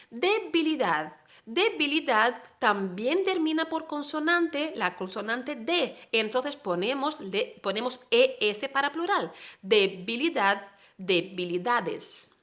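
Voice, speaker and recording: Slow, bright-voiced teacher woman. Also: on the high side. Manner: patient, explains step by step, spells words letter by letter; checks in with rising "¿sí?" tags. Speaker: Spanish teacher. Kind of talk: online language lesson.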